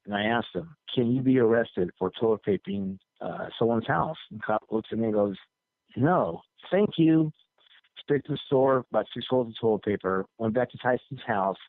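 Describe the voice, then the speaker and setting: A man calls in to a show and tells a long, rambling, profane story, repeating himself along the way. His voice is medium-pitched and gravelly. It comes through a tinny, dry phone line.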